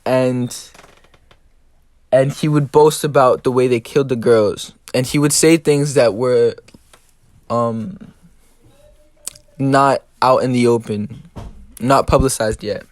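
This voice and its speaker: A young man presents from notes in a matter-of-fact voice, ticking off points one by one. His pitch sits in the middle, and the recording is dry with no room sound. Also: fairly even intonation, slow, long pauses, no echo. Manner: matter-of-fact, list-like delivery. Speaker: student co-presenter. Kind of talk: reading prepared notes.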